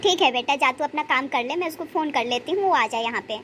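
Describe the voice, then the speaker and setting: A high, bright-pitched woman playing a pious, sentimental mother-in-law in a cartoon story. She prays aloud and lavishes praise on her daughter-in-law. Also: lively intonation, fast, a little hiss or hum. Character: emotional older Indian mother-in-law, pious and doting.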